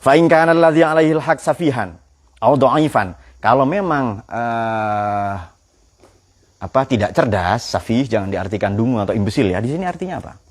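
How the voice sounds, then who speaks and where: A man's voice: medium pitch, moderate pace. A man giving a Quran exegesis lecture, quizzing his audience with questions and telling jokes. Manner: lively, joking storyteller.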